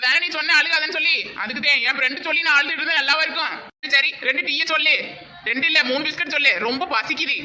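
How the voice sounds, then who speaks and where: A woman's voice: sits high, fairly even intonation, racing, sharp tone. A woman with a Tirunelveli Tamil accent, voicing cartoon comedy in a complaining, protesting way. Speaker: voice actor.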